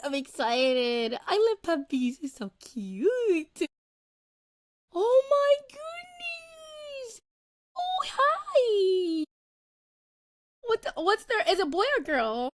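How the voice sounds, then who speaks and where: A woman's voice: very high voice, sing-song, drawn-out words, no echo, studio quality. A woman hosting an interview show, bubbly and gushing, giggling often. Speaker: podcast host. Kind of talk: casual interview chat.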